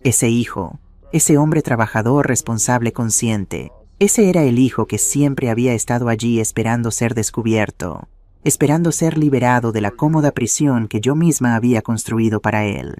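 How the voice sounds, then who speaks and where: A man narrating a first-person family drama in a steady, dramatic storytelling manner. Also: mid-range voice, moderate pace.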